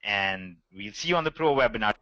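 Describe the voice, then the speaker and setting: Fast-talking, bright-voiced man host. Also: lowish voice, expressive, no room sound, lo-fi sound. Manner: teasing, joking. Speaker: webinar host. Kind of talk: casual chat.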